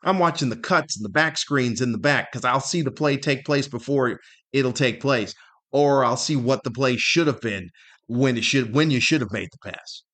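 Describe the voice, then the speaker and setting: Speaking at a moderate pace with a medium-pitched, fairly bright voice, an older American man hosts a solo podcast. He's from Southern California, 50 or older, and his manner is casual, wandering and self-mocking.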